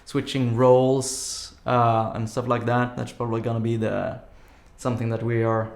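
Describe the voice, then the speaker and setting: A man hosts a live coding stream from a room at home, chatting casually and rambling with plenty of "like" fillers and easy laughter. His voice sits in the middle range, a little mellow with some vocal fry, and his delivery is flat at a normal speed. The room is echoey.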